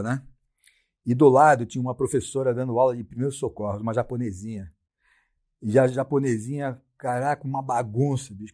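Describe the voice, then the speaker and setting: A middle-aged Brazilian man with a husky, slightly rough voice, talking as a podcast guest. He tells his stories bluntly with plenty of street slang and jumps into his own quoted lines as he goes. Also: mid-range voice, darkish tone. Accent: Brazilian Portuguese. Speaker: podcast guest, sports science professor. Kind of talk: casual storytelling.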